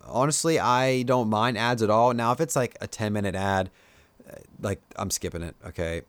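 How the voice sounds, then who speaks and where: Speaking at a moderate pace in a low-pitched voice, a Pennsylvania Dutch-accented YouTuber rambles casually to his viewers on a live stream, dropping plenty of "um"s and "like"s. He voices strong opinions in a relaxed, off-the-cuff manner. The recording is close and dry, with no room sound at all.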